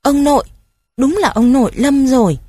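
A woman's voice: on the high side, fairly even intonation, slow, a little mellow, no echo. A woman voicing an eager, curious young boy asking his grandfather questions.

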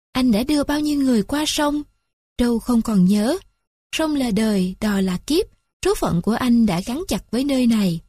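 A woman narrates a literary story in a lyrical, mournful reading. Her voice is husky and sits fairly high. The recording is dry and close, with no room sound. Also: warm tone, no room sound.

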